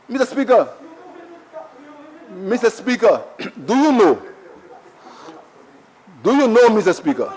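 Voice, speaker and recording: A Saint Lucian man with a high voice gives an impassioned, repetitive speech as a member of parliament in the parliament chamber, full of rhetorical questions. The audio is poor.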